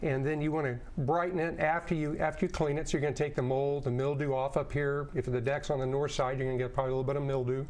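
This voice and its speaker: A man's voice: medium pitch, little pitch movement, fast talker, hardly any pauses, darkish tone. A man in his fifties, a guest on a studio talk show, explaining earnestly with many fillers and restarts, on a lapel mic. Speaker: product representative guest. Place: TV studio set.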